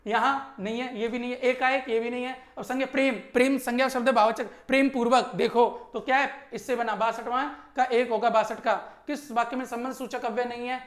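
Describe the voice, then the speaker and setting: High-voiced male teacher in an echoey room. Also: fairly bright tone. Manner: brisk, emphatic, keeps checking in with listeners. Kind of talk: exam answer-key walkthrough.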